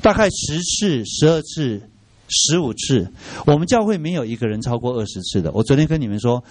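A middle-aged man teaching a church training class, lively and often asking his listeners rhetorical questions, with English words mixed into his speech. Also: medium pitch, brisk, no room sound.

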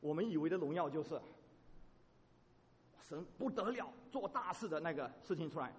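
A man preaching a sermon, moving between quiet reflection and loud, impassioned passages, often ending sentences with a soft "哈". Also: a little high, lively intonation, normal speed. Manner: adds a soft "哈" tag to sentences. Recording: long hall reverb.

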